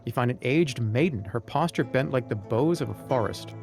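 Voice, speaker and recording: A man's voice: medium pitch, animated, moderate pace, darkish tone, soft background music, natural voice. A man reading scripted narration as an earnest storybook narrator of a fantasy adventure game. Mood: dramatic. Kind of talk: scripted narration read aloud.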